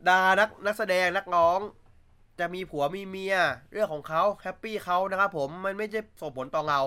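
Guy rambling on his stream, kinda high voice, blunt and cussing a lot. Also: bright, forceful tone, clean tone. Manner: blunt, crude joking, laughs often. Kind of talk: casual livestream chat.

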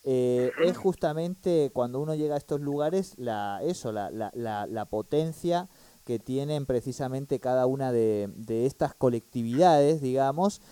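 A man's voice: mid-range voice, unhurried, dark tone, clean tone, dry recording. A man hosting a radio talk, agreeable and chatty, often saying "claro". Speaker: radio host. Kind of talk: radio conversation.

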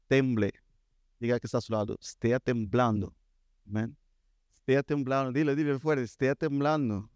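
A man's voice: medium pitch, a little mellow, clean tone, dry recording, clean studio sound. A man preaching a sermon, urging his congregation with repeated calls and refrains. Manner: exhorting, repetitive calls to the congregation. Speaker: pastor.

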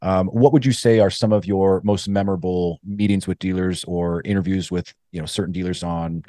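A man hosts a casual interview podcast, talking quickly in a dry, close sound. His voice sits very low. He asks long, rambling questions and keeps affirming his guest. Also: steady tone, warm tone, no room sound. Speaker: podcast host.

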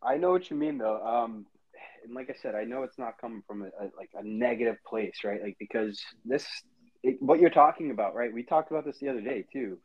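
A male host speaking over a video call, with slightly dull, muffled sound. He keeps things easygoing and gently steers the conversation. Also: medium pitch, fairly quick, slightly rough. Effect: heard over a video call. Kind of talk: casual chat.

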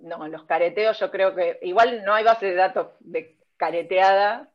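In an interview, a speech technology researcher with a Rioplatense Spanish accent patiently explains her field step by step, using examples. She speaks in a lowish voice at a measured pace, and the audio is dull and lo-fi.

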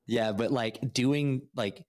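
A man's voice: medium pitch, slow, darkish tone. A man from Texas, a podcast guest, talking sports casually and rambling with many fillers and restarts.

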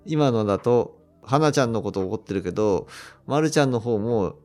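A man co-hosting a podcast, listening attentively and musing slowly in casual chat. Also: mid-range voice, expressive, darkish tone, faint music behind. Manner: attentive listener, reflective, slows down when musing. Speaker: podcast co-host.

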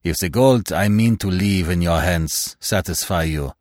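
A man's voice: low voice, unhurried, darkish tone, no echo. A man voicing a dry, secretive old stranger. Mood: dry, pressing. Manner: dry, curt, commanding. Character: mysterious stern male stranger, testy and secretive. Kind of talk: audiobook reading of a classic tale.

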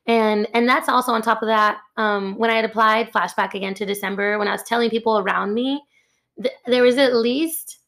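A young woman chatting as a guest in an interview, telling a lively story, says "like" often and acts out what others said. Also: a little high, fairly quick. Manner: animated, acts out quoted voices. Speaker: guest, costume pattern maker.

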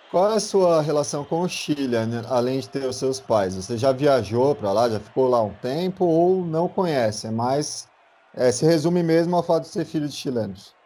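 A man's voice: mid-range voice, mellow, a little hiss or hum. A man hosting a casual podcast, interviewing a guest in a playful, teasing way. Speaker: podcast host.

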